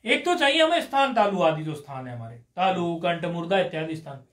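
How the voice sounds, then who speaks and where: A man's voice: high voice, very animated, fairly quick, a bit bright. A man teaching Sanskrit grammar in a live class, explaining patiently step by step and asking his students questions. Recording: roomy echoey room.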